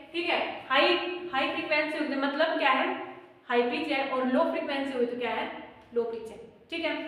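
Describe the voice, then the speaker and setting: Woman schoolteacher, high-pitched, dictates definitions slowly; long reverb, mic set far off. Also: a bit bright. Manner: repeats questions and answers them herself. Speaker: teacher. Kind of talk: classroom physics lesson. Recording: very echoey room, far from mic.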